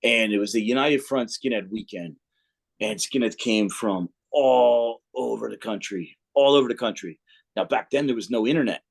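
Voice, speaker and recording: A man's voice: medium pitch, normal speed, gravelly. A man with a New Jersey accent, an interview guest telling stories casually, swearing a lot and acting out what people said. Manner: profane, animated storyteller acting out quotes. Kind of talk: casual storytelling.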